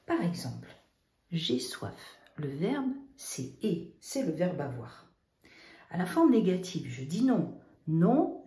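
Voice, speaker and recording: A woman teaching a children's grammar lesson, coaxing and spelling out examples slowly. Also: fairly low pitch, warm tone, echoey room. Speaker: primary school teacher.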